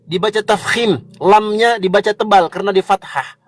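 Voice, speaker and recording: A man's voice: high-pitched, normal speed, no room sound. A man giving a combative, mocking religious lecture, lecturing listeners directly.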